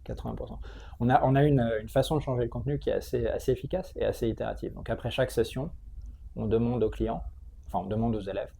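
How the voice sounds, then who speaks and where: A man's voice: mid-range voice, steady tone, fast talker, vocal fry, dark tone, slight background noise. A man answering interview questions in a conversational, explanatory way, hesitating and repeating words as he searches for the next one. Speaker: interview guest, tech training school entrepreneur.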